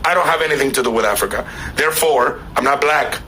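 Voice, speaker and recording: A man's voice: mid-range voice, fast talker, pushed and bright, a little hiss or hum. A man stating his views in a firm, declarative monologue. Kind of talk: opinionated video monologue.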